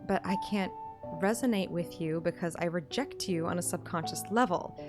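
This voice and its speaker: With music playing behind her, a woman streamer reads a game story aloud at normal speed in a lowish voice. She shifts between first-person narration like an audiobook and casual side comments.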